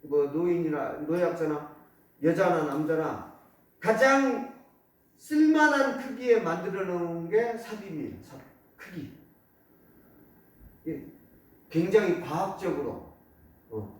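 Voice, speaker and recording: A man's voice: sits high, normal speed, pauses often. A man giving a public lecture on folk objects, pointing things out as he explains them. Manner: explains while pointing to objects, many repeated "이렇게"; lively, rising and falling delivery. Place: lecture hall. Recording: very echoey hall, speaker far off.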